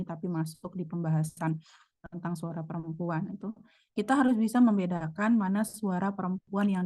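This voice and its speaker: A woman's voice: lowish voice, darkish tone. A woman chatting casually in an online religious study group, telling a story with many fillers.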